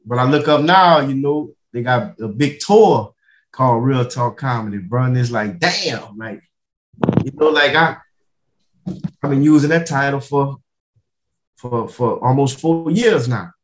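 A male comedian talking as a guest in a loose, slangy conversation. He repeats phrases as he works toward his point and peppers it with bro and you know, in an average-pitched voice. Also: measured pace, echoey room, a little hiss or hum, low-quality recording. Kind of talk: casual slangy chat.

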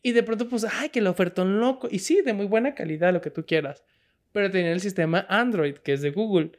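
A woman's voice: medium pitch, brisk, darkish tone. A woman with a Mexican accent from the Guadalajara area, co-hosting a casual comedy chat, explaining news in a slangy, joking way. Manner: jokey, slangy, laughs often while explaining. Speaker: podcast co-host.

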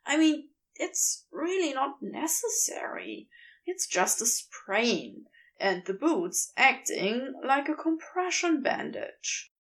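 A woman's voice: high-pitched, very animated, slow, full character voice. Crowley, a flustered hurt man, voiced by a woman. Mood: indignant. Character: wary, flustered injured man.

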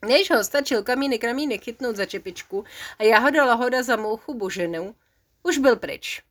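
A mother reading a bedtime story to her child, playful and lively. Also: fairly high pitch.

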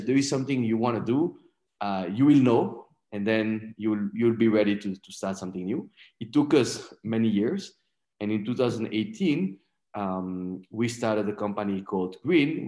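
A man from Belgium, in his forties, talking about his career as a guest on a podcast, halting with many fillers and restarts. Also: on the low side, a little mellow. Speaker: guest, investor and entrepreneur. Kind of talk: podcast interview. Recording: echoey room.

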